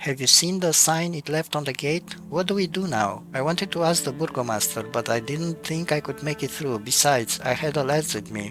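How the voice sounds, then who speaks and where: A man voicing a gruff, blunt male captain in a video game, reading the lines aloud in a plain voice. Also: fairly high pitch, a little fast, few pauses, music in the background, lightly acted.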